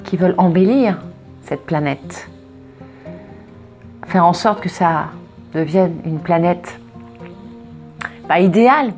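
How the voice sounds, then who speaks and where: A woman reading oracle cards and giving spiritual guidance in a casual, expressive way, wandering off into asides and repeating words for emphasis. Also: fairly low pitch. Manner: expressive, digressive, emphatic repetitions. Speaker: oracle card reader.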